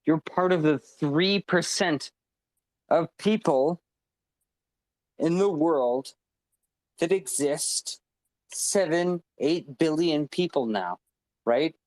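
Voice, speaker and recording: A man speaking slowly and with heavy emphasis, profane and rambling as he urges listeners on. The sound is dry, with no room echo. He is a guest on a live online audio panel. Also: on the high side, darkish tone.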